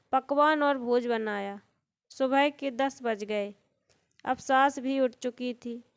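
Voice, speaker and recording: Slow, clear-voiced woman storyteller. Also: high-pitched. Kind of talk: scripted narration.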